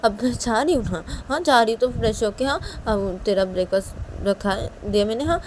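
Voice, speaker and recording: Woman doing a shrill scolding mother. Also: animated, fairly quick, slight background noise, natural voice. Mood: pleading. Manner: shrill, pleading, nagging. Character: worried scolding middle-aged mother.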